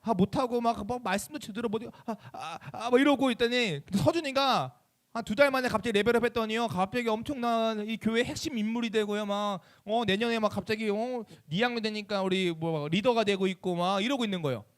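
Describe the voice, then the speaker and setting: A man preaching a youth sermon in a church chapel, animated and keeps asking the audience questions. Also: high-pitched, a little fast. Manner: animated, asks the audience many questions and acts out quoted voices. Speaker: youth pastor.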